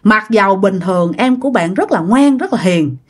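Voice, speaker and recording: Lively woman storyteller. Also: mid-range voice, moderate pace. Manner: chatty, talks straight to listeners, animated. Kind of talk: casual spoken ghost story.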